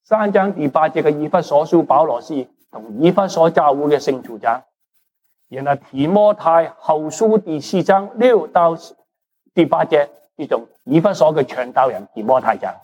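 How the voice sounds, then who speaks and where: A man preaching a sermon in a lively, animated way. He is a Cantonese speaker who slips in English words and keeps asking the congregation questions, then answers them himself. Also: on the high side, husky, dull audio. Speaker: pastor.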